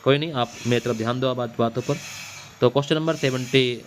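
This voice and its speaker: A man's voice: mid-range voice, fairly even intonation, fast talker. A male teacher giving an exam-prep Hindi lesson, repeating answers and quizzing students back on them. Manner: repetitive, drilling answers with quiz-back questions. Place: classroom or home studio at night. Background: faint hiss of a machine running nearby.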